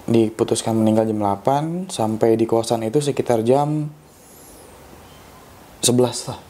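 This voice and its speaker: Young man, casual storytelling, hesitant fillers, mellow dark tone, mid pitch. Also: normal speed. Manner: loose and rambling, with frequent hesitations. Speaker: guest storyteller. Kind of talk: casual spoken recounting of a ghost story.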